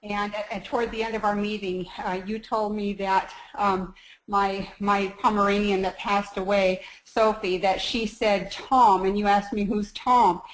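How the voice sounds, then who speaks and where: A woman's voice: mid-range voice, flat delivery, a little slow, slight background noise, poor audio. Hesitant woman caller to a psychic. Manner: hesitant, grateful, many restarts. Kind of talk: phone-in call.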